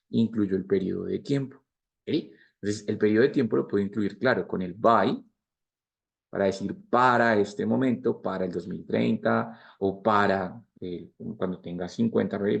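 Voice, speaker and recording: Gravelly Spanish-accented male English teacher. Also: on the low side, highs cut off. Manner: patient, explains step by step, repeats examples. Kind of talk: bilingual grammar lecture.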